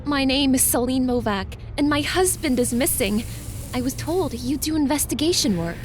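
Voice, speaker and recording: An actress playing an anxious, proper, well-off wife in a noir audio drama, speaking earnestly and formally. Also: female voice, high-pitched, moderate pace, natural voice. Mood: urgent, polite. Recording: clearly noisy background ambience.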